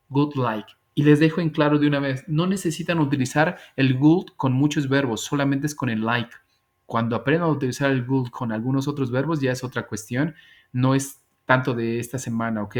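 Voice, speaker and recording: Patient man teaching English. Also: medium pitch. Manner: patient, repeats examples slowly, switches between Spanish and English phrases. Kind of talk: online class explanation.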